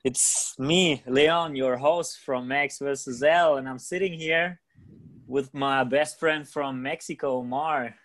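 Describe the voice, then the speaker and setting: A tired man hosting a casual podcast, laid-back and quick to swear and laugh. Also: mid-range voice, a bit bright. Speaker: podcast host.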